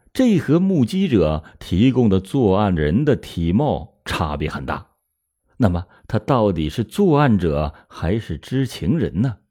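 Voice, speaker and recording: A man narrates a true-crime case in a dramatic, emphatic way. His voice is low and dark, and his pitch rises and falls in wide swings. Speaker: storyteller and host.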